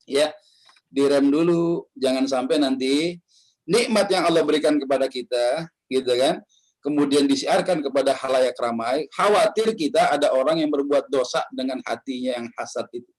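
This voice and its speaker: A man's voice: mid-range voice, normal speed, poor audio. A man giving a casual, joking religious talk, acting out the voices he quotes. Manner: joking, acts out quoted voices, laughs often. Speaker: preacher. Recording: online study session.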